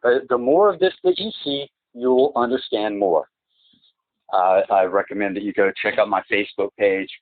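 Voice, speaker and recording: A man's low voice comes through a tinny, narrow phone line with a dry, close sound. He rambles and stumbles, restarting phrases and repeating words, and he presses his points insistently. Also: lively intonation, normal speed, dry recording. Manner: insistent, emphatic complaints. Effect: heard through a phone line. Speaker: client on a phone call. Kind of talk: phone conversation.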